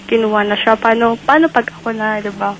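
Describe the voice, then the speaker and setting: A woman's voice: on the high side, fairly even intonation, a little fast, a bit bright, slight background noise, rough recording. Young woman caller telling a story. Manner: rambling storytelling with many fillers. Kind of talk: call-in radio chat.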